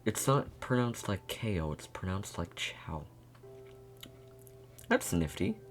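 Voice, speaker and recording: Deep-voiced, giggly male streamer. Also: expressive, slow pace, soft background music. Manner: giggly, rambling, laughs often. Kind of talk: casual game playthrough commentary.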